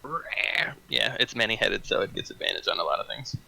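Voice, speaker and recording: A man's voice: on the low side, big pitch swings, brisk, creaky, whispered, rough recording. A man running a tabletop fantasy game as game master, narrating scenes and calling out rolls.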